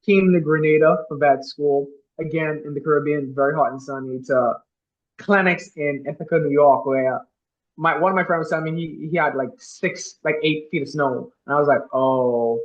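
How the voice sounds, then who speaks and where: Young man from the Bahamas, earnest vet student guest, fairly high voice, roomy dull lo-fi sound; casual interview. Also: normal speed. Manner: earnest, uses many fillers like "like".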